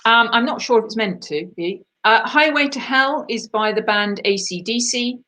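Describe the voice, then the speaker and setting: A woman's voice: a little high, normal speed, sharp tone. Chatty woman hosting an online quiz. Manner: chatty and self-deprecating, laughs at herself. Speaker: quiz host.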